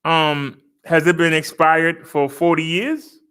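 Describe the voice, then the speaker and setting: A man's voice: on the high side, steady tone, takes it slowly, pushed and bright, smooth. A man in his fifties venting in a casual vlog, argumentative and repeating his points. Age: 50s. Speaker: vlogger. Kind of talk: casual ranting monologue.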